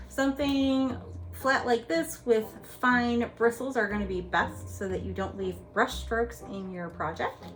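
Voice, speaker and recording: A woman hosting a spooky craft tutorial in a playful, conversational horror-host manner. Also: a little high. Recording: music playing behind the voice. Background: music.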